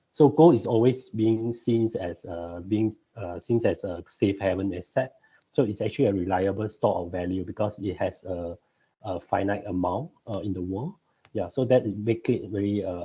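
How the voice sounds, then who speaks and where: A man presenting on an online group call, speaking haltingly and filling pauses with many hesitation sounds. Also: low-pitched, warm tone, husky. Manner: halting, frequent filler sounds. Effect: online group call audio. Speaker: guest presenter. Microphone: computer mic on a video call. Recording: dull lo-fi call audio.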